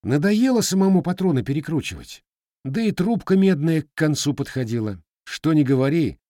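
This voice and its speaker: Male narrator, even reading, mid pitch, dry close sound. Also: no echo. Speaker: audiobook narrator. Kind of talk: scripted narration.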